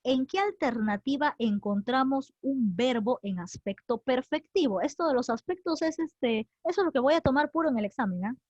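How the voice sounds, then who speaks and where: Woman teacher, online lesson, animated questioning, muffled dry mic. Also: high voice, normal speed, few pauses, no echo. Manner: animated, quizzes students by name and repeats conjugations aloud. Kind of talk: online class lecture. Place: home online class.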